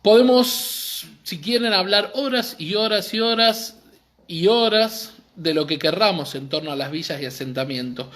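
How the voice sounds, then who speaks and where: At a moderate pace, a high-voiced man with a fairly bright tone and an Argentine accent explains topics earnestly during a live-streamed community library talk. He often checks in with those listening.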